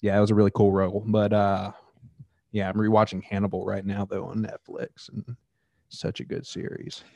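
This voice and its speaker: A man's voice: lowish voice, completely flat delivery, moderate pace, gravelly, darkish tone, no room sound. A man co-hosting a podcast in casual chat, joking and double-checking facts. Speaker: podcast co-host.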